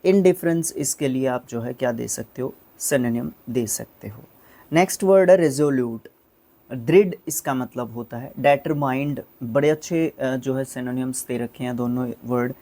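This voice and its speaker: A man teaching English vocabulary in an online lesson, explaining slowly, spelling words out and correcting himself aloud. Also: medium pitch, mellow.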